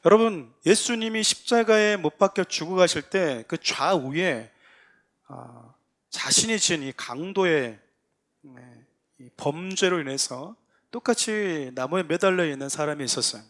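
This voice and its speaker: Male pastor, sermon delivery, earnest and emphatic, slightly higher-pitched voice. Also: animated, measured pace, a bit bright. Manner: earnest, rising to emphatic exhortation with acted quotes. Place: church sanctuary.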